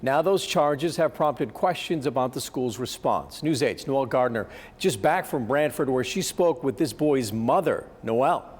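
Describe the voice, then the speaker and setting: A man anchoring the evening news, reading scripted items in a crisp, upbeat way. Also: medium pitch, animated, measured pace. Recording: reverberant studio.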